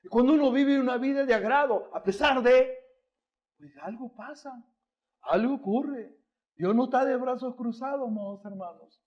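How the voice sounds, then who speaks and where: A man's voice: extremely high pitch, normal speed, lo-fi sound. A male pastor preaching a sermon, telling a personal story and asking the congregation rhetorical questions.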